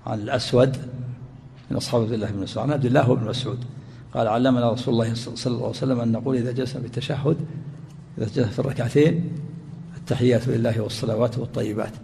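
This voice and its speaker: A man teaching a classical religious lesson, talking quickly in a dark, gravelly voice. He explains each point and repeats word forms for his listeners. His voice carries a long reverb from a hall, with faint ambience behind it. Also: mid-range voice, fairly even intonation, slight background noise. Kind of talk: classical Islamic lesson commentary.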